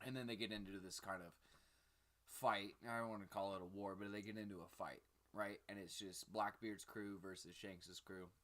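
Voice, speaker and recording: A man's voice: on the low side, steady tone, moderate pace, fairly bright tone. A man hosting his own channel, talking through his theories in a rambling, filler-heavy, casual sit-down chat. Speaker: channel host.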